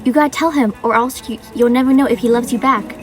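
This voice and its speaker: A woman voicing a cheerful, folksy female squirrel friend in a high, bright put-on voice, with music playing behind. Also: fast talker, distant mic, lightly acted. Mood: encouraging. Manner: folksy and reassuring.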